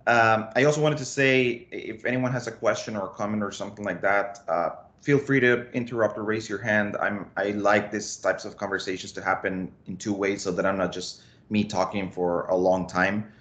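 A man's voice: on the low side, fairly even intonation, moderate pace, few pauses, a bit bright. A man in his thirties from Costa Rica, speaking as a data analytics instructor on a video call, explaining in a friendly way with frequent restarts. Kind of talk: online workshop presentation. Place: small home office. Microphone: webcam on a video call.

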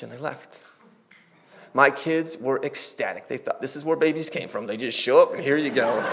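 A man in his thirties, a pastor, shares a testimony in a sermon with a gravelly edge to his voice. He talks in a relaxed, conversational way and slips into the voices of people in his story. His pitch sits in a middle range. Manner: conversational storytelling with quoted dialogue.

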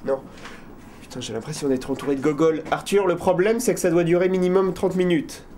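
A man's voice: a little high, a little fast, background noise, close to an everyday voice. Young man playing a bossy, swearing director. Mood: irritated. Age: young adult. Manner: impatient, swearing, clipped orders. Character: irritable young male film director, crude and bossy. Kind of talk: student short film acting.

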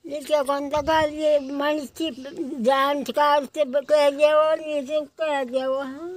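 A woman's voice: high voice, little pitch movement, takes it slowly. An elderly grandmother talking casually at home, muttering and scolding. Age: older. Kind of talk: casual family talk.

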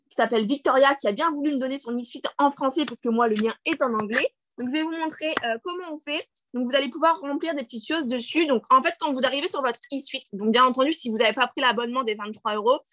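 Woman, high-pitched, dry close sound, chatty tutorial over a video call, self-deprecating. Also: fairly bright tone, no echo. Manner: chatty, many fillers and restarts, checks in with "d'accord?"; self-deprecating, laughs at her own English. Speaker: network marketing team leader.

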